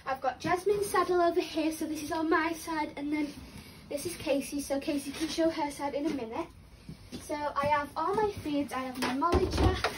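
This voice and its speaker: A high-voiced young woman chats her way through a tour of a horse barn. She rambles along with plenty of fillers. A phone picks her up with noise clearly audible behind her. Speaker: vlogger showing her barn. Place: outdoor horse barn and stables. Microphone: phone camera held nearby. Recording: phone video with background noise.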